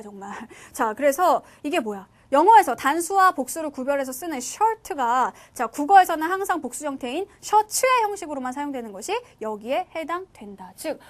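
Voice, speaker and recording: Woman, teacher, high voice, very animated intonation, lecture, asks and answers own questions. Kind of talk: lecture to high school students.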